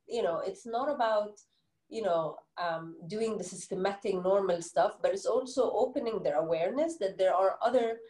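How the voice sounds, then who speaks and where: A middle-aged Egyptian children's book author, speaking English with an Egyptian accent, earnestly answers interview questions as a guest, using "you know" a lot. Her mid-range voice is a little mellow and moves at a normal speed in an echoey room.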